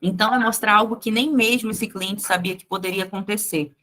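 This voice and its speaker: A woman's voice: mid-range voice, steady tone, brisk, fairly bright tone. Female sales trainer, young adult, conversational lecture, engages audience often. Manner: chatty, addresses the group directly with frequent tag questions. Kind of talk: live sales training talk.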